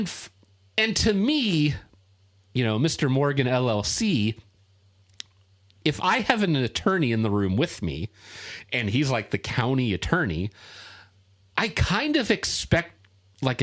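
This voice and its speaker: A man co-hosting a casual podcast chat, talking haltingly with many fillers and restarts. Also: mid-range voice, a bit bright. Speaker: podcast co-host.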